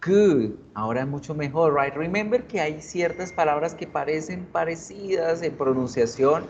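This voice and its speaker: A man's voice: fairly high pitch, animated, moderate pace. A man teaching a video English class, patiently repeating words for students to drill. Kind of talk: bilingual video class lesson. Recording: dull lo-fi recording with faint noise.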